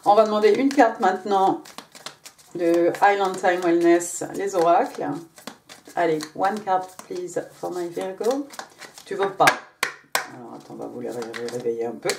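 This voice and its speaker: Over background noise, a woman with a lowish, gravelly voice gives a casual tarot reading at a moderate pace. She's chatty, using lots of fillers and "hein" tags, and reads the card text in English.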